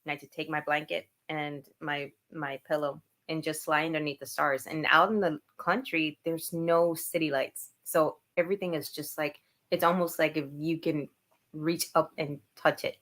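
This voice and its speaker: A woman co-hosting a casual talk show, telling a story in a relaxed, reminiscing way. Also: deep voice, moderate pace. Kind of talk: casual chat.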